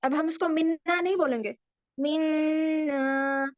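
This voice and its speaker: A woman teaching Quran recitation in a slow, patient lesson, pausing to demonstrate letter sounds aloud. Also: high voice, no room sound. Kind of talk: slow explanatory lesson mixing Hindi-Urdu and English. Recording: dull lo-fi dry recording.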